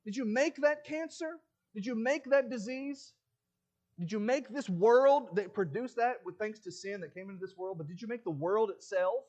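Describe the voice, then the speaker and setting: A man preaching a sermon in a church, dramatic, shifting from loud rising challenges to low hushed lines and firing rhetorical questions at the congregation. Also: moderate pace.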